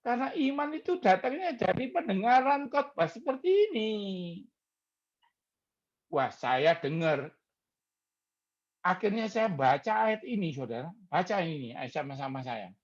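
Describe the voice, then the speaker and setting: A man's voice: high-pitched, measured pace, muffled recording. A middle-aged man from Surabaya, preaching a chatty evening prayer sermon and drawing amens from the congregation. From Surabaya, Indonesia. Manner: lively, chatty, jokes with the congregation and calls for amen. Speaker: pastor.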